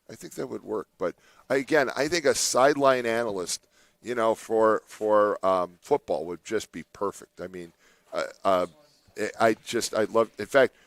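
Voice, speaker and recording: Bantering casually with his co-host on a morning radio show, this host laughs a lot and does playful mock voices. His lowish voice is creaky and a bit bright, and the studio recording is dry.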